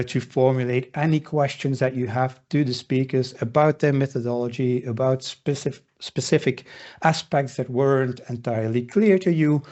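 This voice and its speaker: A man's voice: medium pitch, darkish tone, muffled recording. A man moderating an academic webinar over a video call, introducing speakers formally with small wry asides.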